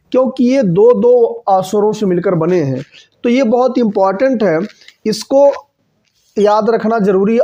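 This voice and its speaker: High-pitched male teacher, dull lo-fi audio. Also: warm tone. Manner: repeats checks like "ठीक है" and asks then answers his own questions. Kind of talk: exam-prep grammar lesson. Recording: dull lo-fi sound.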